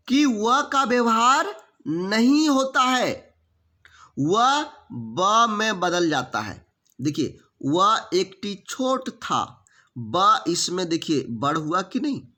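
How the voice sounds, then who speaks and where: A man runs an online exam-prep class, speaking slowly and with care. His voice sits high and bright, and it swings widely as he keeps quizzing his students. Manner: lively, asks the class repeated check questions.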